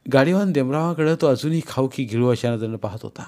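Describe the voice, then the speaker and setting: A man's voice: mid-range voice, fast talker, darkish tone. Man narrating a dramatic story. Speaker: audiobook narrator.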